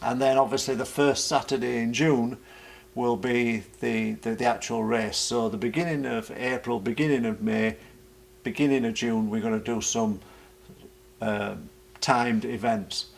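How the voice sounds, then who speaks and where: A British man giving an informal vlog explanation as a running coach, speaking haltingly and often repeating words. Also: medium pitch, steady tone, creaky.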